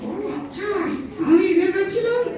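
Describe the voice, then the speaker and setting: Squeaky, goofy, cheeky kid puppet. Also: male voice, measured pace, dark tone, a little hiss or hum. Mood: curious, goofy. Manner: goofy, mischievous, teasing back-talk. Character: cheeky naughty schoolchild puppet, slow at studies, argues back. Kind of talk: ventriloquist puppet comedy show. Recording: roomy echoing hall, distant mic, audience.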